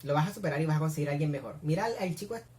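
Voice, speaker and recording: Her voice sits low and warm, racing along with lively intonation as this young reaction host, who has a Colombian Spanish accent, gushes and squeals while watching from a room at home.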